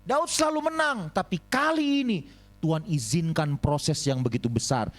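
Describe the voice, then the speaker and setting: A man preaching a sermon as pastor, animated, swinging between high exclamations and low asides and calling on the congregation for amens. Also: moderate pace, soft background music. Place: church.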